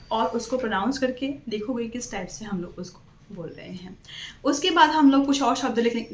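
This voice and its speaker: Patient woman teacher in an echoey room. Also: a little high. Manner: patient, stresses each word, repeats and checks with "ठीक है". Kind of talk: children's lesson on letters. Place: classroom.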